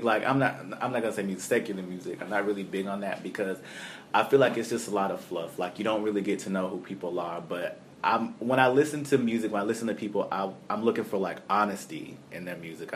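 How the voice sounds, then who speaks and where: Man, casual chat, rambling delivery, lower pitch, faint rumble. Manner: relaxed, rambling, laughs often. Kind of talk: casual chat about music. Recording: low rumble and faint noise.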